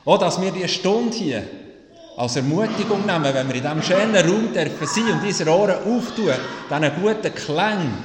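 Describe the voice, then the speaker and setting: A pastor preaching a sermon slowly and reflectively, quoting scripture. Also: male voice, high voice, expressive, a crowd in the background. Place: church. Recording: echoey church, far from mic.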